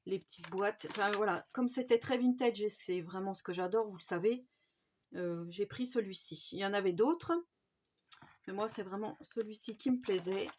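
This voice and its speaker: A woman's voice: mid-range voice, normal speed, a little mellow. A woman, chatting enthusiastically through a haul of craft supplies, with many fillers and restarts. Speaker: scrapbooking vlogger. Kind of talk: casual product haul chat. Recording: faint background noise and clicks.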